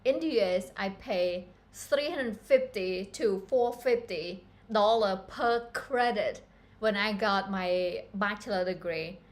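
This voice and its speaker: A woman's voice: mid-range voice, slow. A woman from Cambodia, giving a chatty, earnest live-stream tutorial on pattern making and talking straight to her viewers. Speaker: fashion pattern-making instructor.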